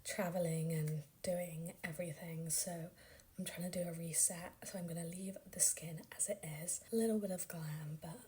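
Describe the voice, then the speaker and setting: A young woman chatting through a lifestyle vlog voice-over, her lowish voice often sliding into a soft, breathy whisper. She sounds chatty and enthusiastic, full of casual fillers, with a faint hiss behind her. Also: steady tone, moderate pace. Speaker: beauty vlogger.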